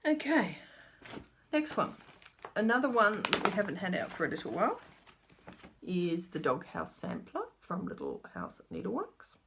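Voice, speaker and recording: This middle-aged woman's cross-stitch update is a casual, rambling chat, much of it aimed at herself as she looks over her notes. She speaks in a mid-range voice with big pitch swings at a moderate pace. There's faint background noise.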